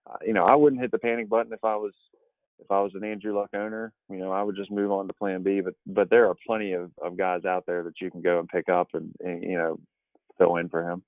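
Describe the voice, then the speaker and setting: A man's voice: sits low, dry recording. A man talking fantasy football on a podcast, rambling with many fillers and restarts. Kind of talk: casual podcast chat. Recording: dry, tinny phone-like line.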